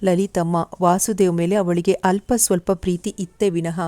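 Woman storyteller, audiobook narration, dark mellow low voice, measured. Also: little pitch movement.

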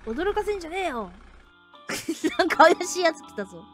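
A woman streaming a horror game, talking bluntly and roughly, laughing often and shouting at the scares. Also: very high voice, sing-song, moderate pace, faint music behind. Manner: rough, blunt casual talk with frequent laughter; bursts into loud shouting at scares. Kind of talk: live horror game commentary.

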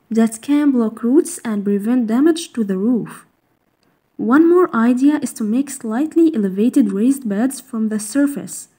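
A woman reading a scripted voice-over in a measured, even list-reading way, narrating step-by-step tips. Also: on the high side, breathy edge. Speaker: narrator of a garden design slideshow.

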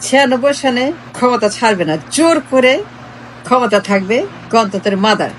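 Woman, high voice, sarcastic repetitive rant, faint background noise. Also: a little fast, poor audio. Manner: repetitive, sarcastic, chanting phrases. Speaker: political commentator. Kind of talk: impassioned political monologue.

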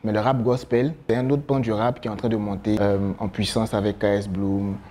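A young man with an Ivorian French accent, a gospel rapper answering interview questions in a relaxed way, often pausing with fillers. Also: lowish voice, a little hiss or hum. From Côte d'Ivoire. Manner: relaxed, gestures a lot while talking, frequent fillers. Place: studio with branded backdrop, seated.

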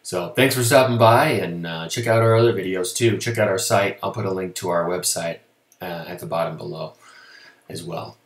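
A man's voice: deep voice, normal speed. A man in his thirties casually reviewing a product at his webcam, chatty, with lots of fillers. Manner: relaxed, chatty, many fillers and restarts. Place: small indoor room. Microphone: webcam at desk. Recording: echoey room.

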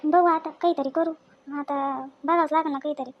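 A woman's voice: high voice, fairly even intonation, fairly quick, lo-fi sound, background noise. A young woman playing a defensive, pleading daughter-in-law in a home drama.

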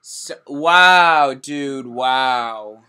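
A man's voice: medium pitch, extremely slow, pushed and bright, smooth. A man giving casual, joking commentary on a video game, sarcastic and mock-indignant.

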